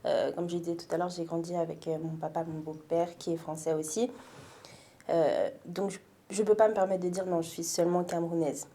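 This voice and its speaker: Mellow, low-voiced young woman guest. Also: steady tone, fairly quick. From France. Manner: reflective, hesitant with many fillers. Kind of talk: casual interview chat.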